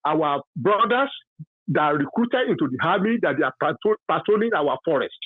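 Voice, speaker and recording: A man in his fifties with a Yoruba accent speaks as a radio caller, his husky voice coming through a thin, dry telephone line. He talks in a halting way, full of fillers and restarts, and he presses his points with emphasis. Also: a little high, lively intonation, dry recording. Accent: Nigerian, Yoruba. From Nigeria. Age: 50s. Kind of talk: call-in radio opinion. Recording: dry tinny phone line.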